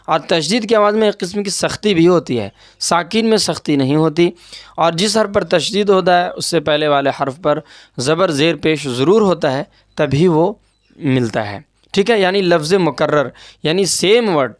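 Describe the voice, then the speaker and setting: A man's voice: a little high, no echo, clean studio sound. Patient man teaching Urdu grammar. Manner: patient, repeats points, checks understanding with asides. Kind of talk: board lesson explaining grammar.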